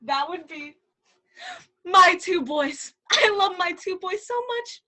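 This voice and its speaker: A woman's voice: extremely high pitch, animated, slow, pushed and bright, full character voice. A woman playing a melodramatic, childish, doting king in a broad stage comedy, over the top and given to wailing. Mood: mournful.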